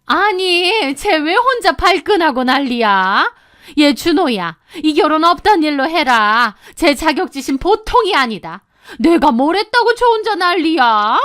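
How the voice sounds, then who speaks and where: A woman voicing a snobbish, scornful older mother-in-law who talks in a sharp, shrill way. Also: big pitch swings, measured pace, no room sound, studio quality, exaggerated voice. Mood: sneering, furious.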